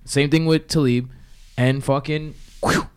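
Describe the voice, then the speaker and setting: A man's voice: medium pitch, fairly even intonation, measured pace, clear, resonant tone. A man giving casual sports analysis as a podcast panelist, with emphatic, slangy frat-bro phrasing and some swearing.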